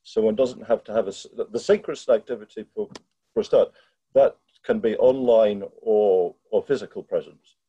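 An older man speaking on a video call through a headset from a room at home, thoughtful and halting, often restarting as he works out his ideas. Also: on the low side, warm tone, husky. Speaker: participant in an online educators' discussion. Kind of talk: casual video-call discussion. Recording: dull, lo-fi video-call audio.

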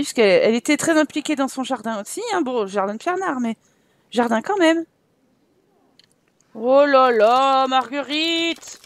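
A woman's voice: high voice, dry recording. A woman commenting casually on a life-simulation game, chatty and teasing as she scolds the game characters. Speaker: gaming YouTuber. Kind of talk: casual let's-play commentary.

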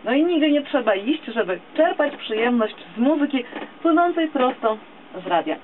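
A woman's voice: sits high, lively intonation, moderate pace. A woman hosting a radio interview in a small studio, asking questions of a guest. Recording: dull lo-fi camera recording, clear noise.

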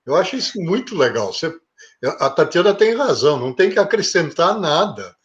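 Encouraging man on a dull video call line, slightly high voice. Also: big pitch swings, fairly quick. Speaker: book club participant. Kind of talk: casual online group chat. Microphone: computer mic on a video call.

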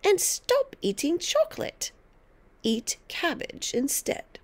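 A woman's voice: very high-pitched, huge pitch swings, slow pace, voice pushed up, full character voice. A woman voicing a tiny, bossy, mean old grandmother who scolds and snaps with gloating emphasis in a storybook reading. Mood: bossy, snapping.

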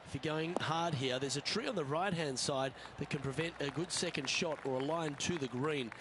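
A man voicing a calm golf commentator. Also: on the high side, noisy background, natural voice. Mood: measured. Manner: calm, measured play-by-play. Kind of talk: scripted video game sports commentary. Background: game music.

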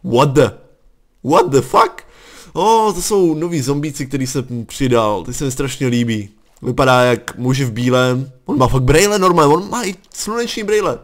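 A young man with a Czech accent, commenting on his own gameplay and breaking into startled yelps and swearing. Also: fairly high pitch. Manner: excitable, jumps to yelps and curses when startled. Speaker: gaming channel host. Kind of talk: Let's Play commentary.

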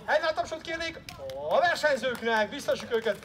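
Excitable man shouting over party music. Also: very high voice. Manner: loud, excitable, calls out commands and cheers the crowd on. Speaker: children's party entertainer. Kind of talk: hosting games at a live outdoor kids' event. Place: outdoor event space with a crowd. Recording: distant mic at a noisy outdoor event with loud music.

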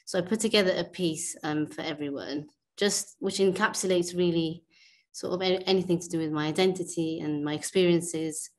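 Young woman from wales on a video call, low voice, soft and hesitant, lots of ums, bit nervous. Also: steady tone, normal speed. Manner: soft-spoken, hesitant, with many fillers. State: a little nervous. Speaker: guest speaker. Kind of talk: casual spoken introduction. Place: indoor room at home. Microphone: wired earphone mic on a video call.

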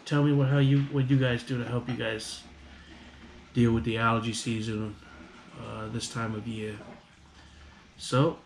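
A man vlogging casually about a home remedy, rambling with halting restarts and fillers. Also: mid-range voice, little pitch movement, gravelly. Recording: audible background noise.

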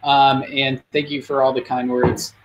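A man hosting a podcast, pitching an event and asking questions in a salesy way with many "uh" fillers. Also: level tone, measured pace, lo-fi sound, background noise. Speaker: podcast host. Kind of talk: promotional pitch and interview questions. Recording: roomy echo.

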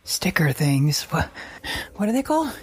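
An actress voices an anxious but defiant mother surviving a wild world, in an audio drama monologue framed as recorded-journal narration. Agitated and fretful, she questions herself in broken, repetitive phrases. Her full character voice is lowish, sing-song and darkish, with a breathy edge, at normal speed.

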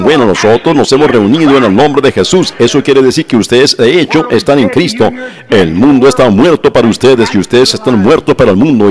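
A man voicing a translated sermon, fervent, exclaiming praise and speaking straight to his listeners, slowing down for emphatic phrases. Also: medium pitch. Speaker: preacher.

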